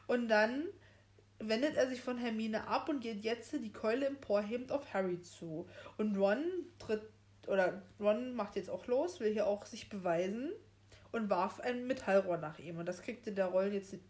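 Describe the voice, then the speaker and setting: A young woman in casual chat, retelling a story scene by scene, quick to correct herself and laughing easily. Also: a little high, darkish tone. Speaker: podcast co-host reading a book aloud.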